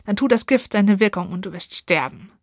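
A woman voicing a furious, spiteful old witch in a storybook reading, shrill and shouting in rage. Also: brisk, dry recording, studio quality, natural voice. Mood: gloating.

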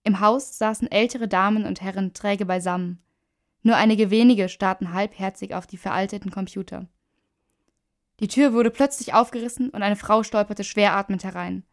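A woman narrating a story in a measured, even manner. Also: mid-range voice.

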